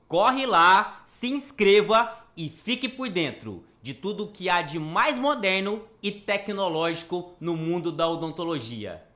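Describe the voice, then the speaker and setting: A man's voice: high-pitched, bright, forceful tone. A man hosting a podcast, formally introducing his guest and asking questions. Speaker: podcast host. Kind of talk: podcast host introduction and interview.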